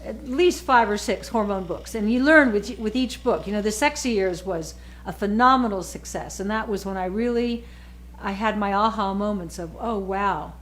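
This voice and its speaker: Heard through rough audio, a sixty-something woman author speaks in a mid-range voice at a moderate pace, with a slightly bright tone. She's a guest in casual conversation, pressing her points emphatically and frequently repeating words.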